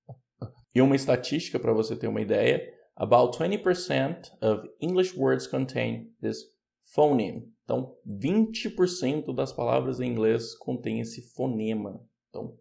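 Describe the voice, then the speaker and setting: A man with a Brazilian Portuguese accent teaching English pronunciation, patiently explaining and repeating words slowly. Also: mid-range voice, creaky, warm tone. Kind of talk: online pronunciation lesson.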